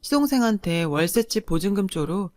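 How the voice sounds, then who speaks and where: A woman's voice: mid-range voice, animated, moderate pace, a little mellow, dry recording. Indignant Korean woman storyteller. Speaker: narrator. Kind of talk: radio drama narration.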